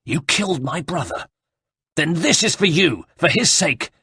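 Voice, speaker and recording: A man voicing a furious, vengeful male villain who shouts his threats in a raised, strained voice. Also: mid-range voice, animated, moderate pace, breathy edge, dry recording, studio quality.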